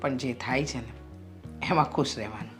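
A sympathetic confidante who urges contentment, as an actress plays her. Her voice is very low and soft, and she speaks gently and agreeably. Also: normal speed, music in the background. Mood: gentle.

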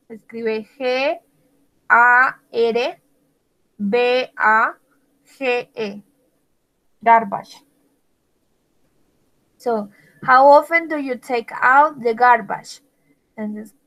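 Slow, deliberate woman teaching English. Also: on the high side, fairly bright tone, low-quality recording. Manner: slow, deliberate, spells letters one by one. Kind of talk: bilingual language lesson, spelling words aloud.

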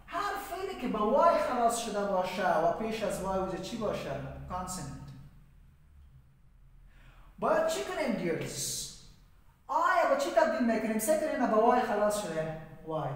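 A man with an Afghan Dari accent teaching an English grammar lesson, asking his class questions and answering them himself, spelling out words slowly. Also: high-pitched, a bit bright. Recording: echoey hall, mic far off.

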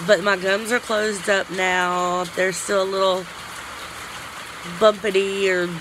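A woman's voice: medium pitch, flat delivery, slow pace. Woman talking with finger at teeth. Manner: chatty, rambling, informal. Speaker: vlogger. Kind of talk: casual chat. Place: outdoors in the rain. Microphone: phone. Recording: phone recording with loud rain noise.

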